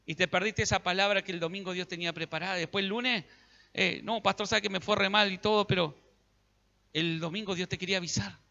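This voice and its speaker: High, bright Argentine pastor preaching. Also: male voice, creaky, long reverb tail, lo-fi sound. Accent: Argentine Spanish. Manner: preaching, acts out biblical dialogue in colloquial voices. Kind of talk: sermon.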